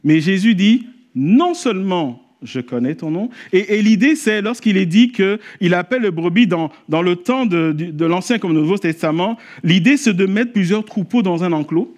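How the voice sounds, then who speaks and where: A man preaching a sermon at a church service, telling a story and rising to animated exclamations. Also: high-pitched, normal speed, hardly any pauses. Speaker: pastor.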